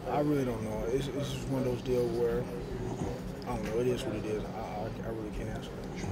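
A young college football player giving a postgame press interview, speaking in a measured, halting way with many fillers. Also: male voice, mid-range voice, flat delivery, very noisy. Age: young adult. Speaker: college linebacker. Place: stadium concourse with crowd noise. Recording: loud crowd behind the voice.

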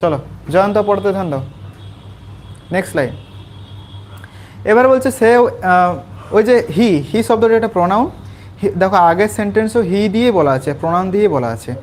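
A man's voice: high-pitched, lively intonation, a little hiss or hum. A man from West Bengal tutoring school students in English, explaining a textbook passage step by step and stopping often to check that they follow. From West Bengal, India. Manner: patient, repetitive, checks understanding with quick questions. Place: small class with students present.

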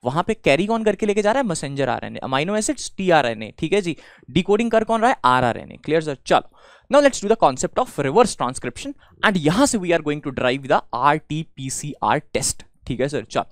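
A man's voice: on the high side, very animated, very fast, no echo, clean studio sound. A young man with a North Indian accent giving a classroom lecture as a teacher, mixing Hindi and English, explaining with rhetorical questions and frequent check-ins. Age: young adult. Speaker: teacher at an exam coaching institute. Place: indoor studio in front of a presentation board.

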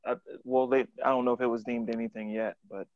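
A man's voice: medium pitch, little pitch movement, fast talker, muffled recording, a crowd in the background. A man co-hosting a casual group chat, joking and teasing the others. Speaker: podcast co-host.

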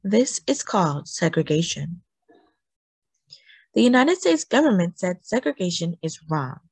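A woman reads a children's story aloud in a slightly low, husky voice, her intonation animated and expressive with deliberate emphasis on phrases. The sound is dry and close, with little room echo.

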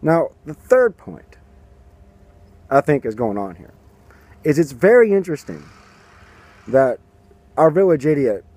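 His voice sits on the high side with a dark tone, a sing-song lilt, a measured pace and long pauses. This man in his thirties gives sarcastic, mocking political commentary to a camera at arm's length outdoors by a garden and building, using silly voices for quotes.

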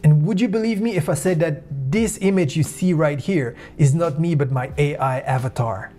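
A man narrating a casual design tutorial in a chatty, upbeat manner. His speaking voice sits fairly high for a man. He talks directly to the viewer throughout. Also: normal speed, dark tone, soft background music. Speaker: host of a design tutorial channel.

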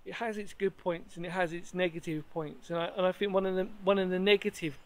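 Man, thirties, slightly high voice, rambling, enthusiastic, self-correcting, handheld camera at arm's length, outdoor sandstone cave. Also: fairly even intonation, fast. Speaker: history explorer vlogger. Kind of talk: walking vlog to camera.

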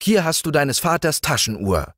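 Guy doing a scolding mother voice, high and bouncy, fed-up storybook mom. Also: sing-song, normal speed, fairly bright tone, no echo, studio quality. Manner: scolding, exasperated. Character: scolding exasperated mother, adult woman.

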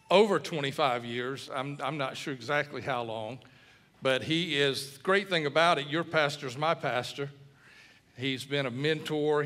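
A middle-aged man, preaching as a guest pastor in a folksy, storytelling way. His voice is bright and sits a little high for a man. He leans on easy fillers between stories. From Mississippi, US. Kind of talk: sermon.

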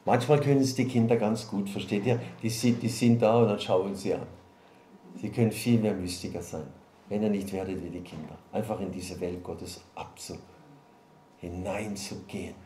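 A pastor preaches to his congregation in a lively, searching way, often repeating himself and asking if they follow. His voice is mellow and middle-pitched. The recording sounds echoey, with faint noise behind him. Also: normal speed. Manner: lively, preachy, talks to the congregation, ahem-ing and repeating words. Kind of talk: sermon.

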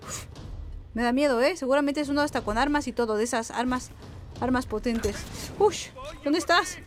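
Young woman gamer, high and excitable, chatting to viewers and enemies. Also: fairly quick. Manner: chatty, excitable, talks back to game characters. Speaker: gaming YouTuber. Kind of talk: let's-play commentary. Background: game music.

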